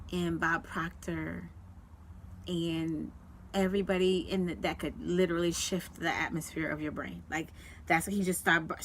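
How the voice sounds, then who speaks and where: A woman, telling an emotional personal story to camera, earnest and repetitive, her voice dropping to a hush at times. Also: medium pitch. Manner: repetitive, earnest, at times hushed and tearful in retelling. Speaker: vlogger and realtor.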